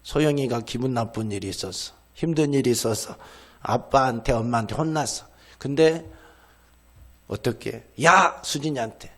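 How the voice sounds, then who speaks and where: A middle-aged male pastor delivers a sermon in a conversational, call-and-response way, firing questions at the congregation and answering them himself. He slips into animated little voices for the complaining people he describes, then drops to a soft, hushed tone to drive a point home. His voice sits at an ordinary man's pitch. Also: moderate pace. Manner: acts out quoted complaints in lively voices; drops to a hushed voice at the ends of phrases.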